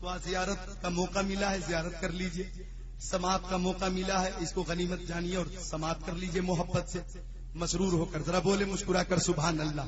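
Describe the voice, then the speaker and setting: ایک مولانا جو مزاحیہ قصے سنا کر وعظ کرتے ہیں اور جوش میں آ کر بلند آواز سے پکارتے ہیں، سامعین سے جواب بھی منگواتے ہیں۔. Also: male voice, sits high, little pitch movement, lo-fi sound. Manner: storytelling, rising to fervent shouted climaxes; urges the audience to respond. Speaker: preacher. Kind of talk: sermon with humorous anecdotes.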